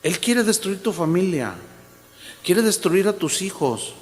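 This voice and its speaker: Emphatic pastor in echoing hall. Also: male voice, high-pitched, expressive, measured pace, breathy edge. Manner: emphatic preaching, repeats phrases, quotes people in changed voices. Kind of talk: sermon. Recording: long hall reverb.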